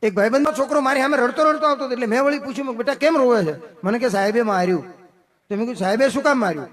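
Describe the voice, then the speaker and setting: A man performing folk comedy on stage. He tells jokes as dialogues and drops lower and softer for his own replies. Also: very fast. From Gujarat, India. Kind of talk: live folk comedy storytelling. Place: outdoor festival stage.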